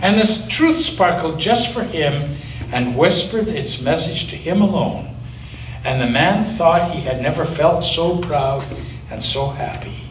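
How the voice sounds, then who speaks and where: The church sanctuary adds a strong echo to this male pastor's reading, and sitting back from the mic makes him sound remote, with faint noise underneath. His somewhat high voice lilts up and down as he gently and energetically reads a children's picture book, leaning on slow, dramatic pauses.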